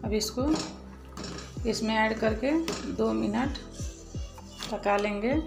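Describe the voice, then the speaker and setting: A woman hosting a cooking channel, talking viewers calmly through a recipe step by step in a voice-over. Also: fairly high pitch, slow, creaky. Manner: calm step-by-step explaining, addresses viewers as friends. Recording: echoey room with music behind.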